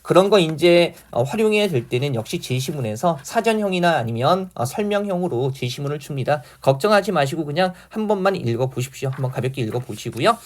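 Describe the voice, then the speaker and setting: A man's voice: a little high, lively intonation, brisk, few pauses. A man giving an online exam-prep lecture on Korean grammar. He explains step by step and asks his students questions he then answers himself.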